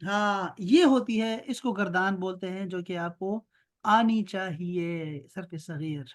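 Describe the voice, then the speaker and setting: A man with an Urdu accent leads an online grammar lesson. He explains patiently and slows right down to chant verb forms one by one. He often stops to check that his student understands. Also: sits high. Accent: Pakistani Urdu. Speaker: Arabic grammar teacher.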